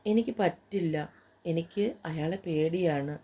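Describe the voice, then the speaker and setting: A woman's voice: on the low side, unhurried, warm tone, slightly rough. A woman narrator voicing a young woman who is tearful and heartbroken, pleading through her tears in an audio story. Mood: sorrowful.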